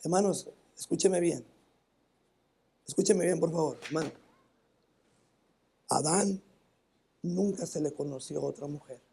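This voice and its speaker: A man's voice: a little high, vocal fry, warm tone, slightly rough. A pastor with a northern Mexican accent preaching a sermon in church, often calling the congregation "brother" and restarting his phrases. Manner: repeats "hermano" often, halting restarts. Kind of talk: sermon with personal testimony.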